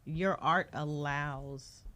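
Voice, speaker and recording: A woman co-hosting a podcast, lively and encouraging, drawing out her guest's story with easy laughter. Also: low-pitched, extremely slow. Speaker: podcast co-host. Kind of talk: casual podcast interview.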